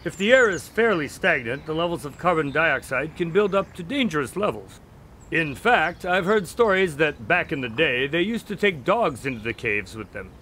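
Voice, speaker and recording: A man playing an eager, talkative doctor who is a detective's sidekick in an audio drama, animated and keen to explain. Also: fairly high pitch, moderate pace, a little hiss or hum. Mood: eagerly explaining.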